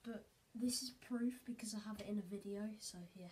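A woman's voice: medium pitch, steady tone, a little fast, a little mellow, slight background noise. A woman vlogging a casual how-to from her bedroom. She rambles with lots of fillers and talks into a camera set on the bed. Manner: rambling, full of "basically" and "like" fillers. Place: bedroom, indoors. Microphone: camera mic set on the bed.

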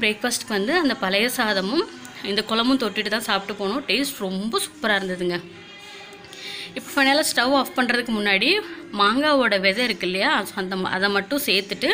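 A woman's voice: medium pitch, bright, forceful tone. A woman, narrating a casual home vlog in a chatty way, full of filler words. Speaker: vlogger.

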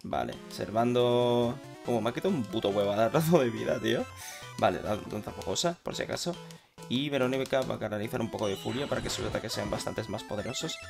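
A man's voice: mid-range voice, fast, gravelly, over music. A man with a Spain Spanish accent giving casual, swearing commentary while playing a video game. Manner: swearing, chatty, talking to himself while playing. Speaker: gaming channel host.

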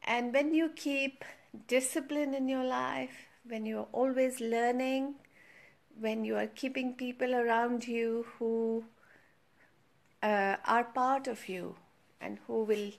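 A woman giving an earnest motivational talk to her followers, stressing and slowing down on key points and slipping into Hindi phrases. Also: fairly high pitch, gravelly. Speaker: motivational speaker.

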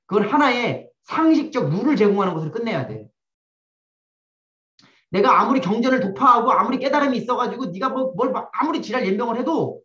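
A man giving a lecture to a live audience, blunt and animated, firing rhetorical questions at the room and slipping into slang. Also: high-pitched. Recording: roomy, distant, dull-sounding.

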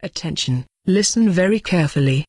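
A woman narrating a scripted promotional voice-over for a training manual, reading out a list of selling points in a steady pitch. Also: fairly quick, breathy edge, dry recording.

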